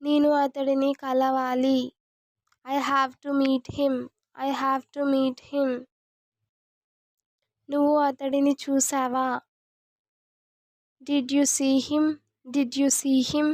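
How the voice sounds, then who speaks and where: A woman, teaching English as a language lesson, saying each sentence twice in a slow, deliberate way. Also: high-pitched, completely flat delivery, darkish tone, no room sound.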